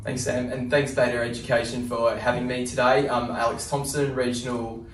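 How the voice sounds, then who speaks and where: A man from Adelaide, Australia, a university recruitment manager, speaking on a panel in an even, matter-of-fact way. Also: mid-range voice, normal speed. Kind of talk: panel talk. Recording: echoey, distant.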